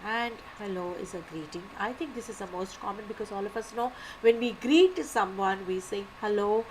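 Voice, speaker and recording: A woman giving a live online lecture, animated, repeating key words and asking and answering her own questions. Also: medium pitch, normal speed, a little hiss or hum, poor audio. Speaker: teacher.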